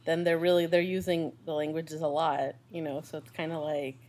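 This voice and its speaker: A woman's voice: low voice, level tone, normal speed, a little mellow. A young American woman co-hosting a podcast, chatting casually and rambling with lots of fillers. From United States. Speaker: podcast co-host. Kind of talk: casual chat.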